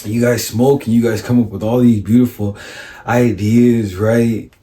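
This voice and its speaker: The life coach's mid-range voice is steady and warm here, at a measured pace, as he recounts a personal story. His talk stays casual, blunt, and profane, peppered with "right?", and he acts out the lines of the other people involved.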